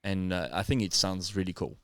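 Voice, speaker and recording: A man's voice: sits low, fairly quick, dry recording. French-accented man, dry close mic. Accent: French, mixed with Australian English. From France. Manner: animated, laughs often, plain-spoken. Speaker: podcast guest, entrepreneur. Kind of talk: casual podcast chat.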